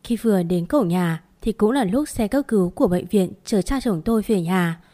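A woman narrating a first-person family drama story in a steady storytelling manner. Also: medium pitch, moderate pace.

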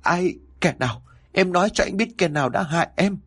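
A grief-stricken young man voiced by a male narrator pleads tearfully in a horror audio story. His voice sits higher than the narrator's and has a husky edge. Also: lively intonation, brisk. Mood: demanding. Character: grieving young man in a wheelchair, desperate.

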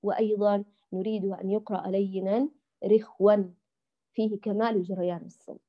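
A woman's voice: mid-range voice, level tone. Patient woman teaching Quran recitation, lo-fi. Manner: patient, repeats and drills syllables slowly. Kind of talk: tajweed lesson for women. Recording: dull lo-fi audio.

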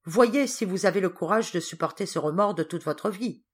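A woman's voice: deep voice, animated, normal speed. Woman reading as scornful proud governess, reproachful, storybook.

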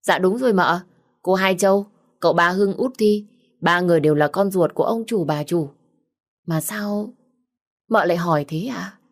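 A woman's voice: fairly low pitch, moderate pace, long pauses, close to an everyday voice. A woman voicing a humble young female maid in a story reading, talking respectfully and at length. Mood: earnest. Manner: chatty, respectful.

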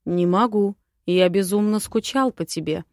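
A woman's voice: mid-range voice, normal speed, a little mellow, no room sound, clean studio sound, close to an everyday voice. A woman voicing a brash, teasing young male huntsman-steward in an audiobook, with a smug manner. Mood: tender.

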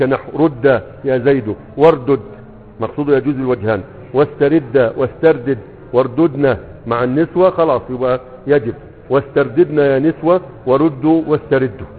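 Speaking briskly at medium pitch, a man with an Egyptian Arabic accent lectures a class on a grammar text he reads aloud. He breaks it down step by step and keeps asking "okay?" to confirm students are keeping up, captured with tinny, phone-like sound in an echoing hall.

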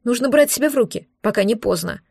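Teary anxious princess, highish voice, pleading and flustered, woman reading. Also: expressive, fast talker, creaky, a little mellow, no echo, studio quality. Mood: tearful, pleading. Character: tearful anxious young princess. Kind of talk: audiobook dialogue.

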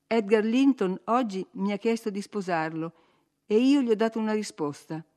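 A woman's voice: mid-range voice, normal speed, darkish tone, natural voice. A woman voicing an impetuous, willful young woman who speaks in an emphatic, insistent way. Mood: anxious pleading.

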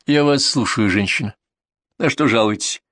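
A man's voice: medium pitch, moderate pace, fairly bright tone, no room sound, lightly acted. A man playing a blunt, irritated male ambulance doctor who speaks curtly, recorded dry. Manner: curt, irritated.

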